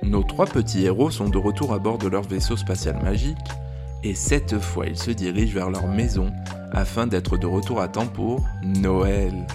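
A man with a low, even voice narrates a children's space adventure. His delivery is gentle and measured, made for young listeners. It is steady scripted storytelling. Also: music in the background.

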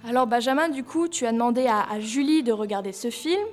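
A woman's voice: a little high, animated, a little fast, faint music behind. A woman hosting a discussion show, explaining and putting questions to guests. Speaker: host.

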